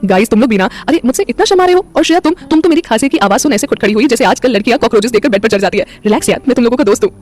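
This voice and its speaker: A woman's voice: a little high, animated, very fast, hardly any pauses, darkish tone, soft background music. A woman voicing a playful, caring young man in a romantic audio story. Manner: playful, joking.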